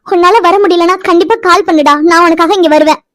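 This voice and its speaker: A caring, motherly woman in a cartoon story, voiced by a woman, gentle yet firm and affectionate. Her voice is very high and her speech quick. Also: steady tone. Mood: tender. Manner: soothing, affectionate. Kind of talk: cartoon voice acting.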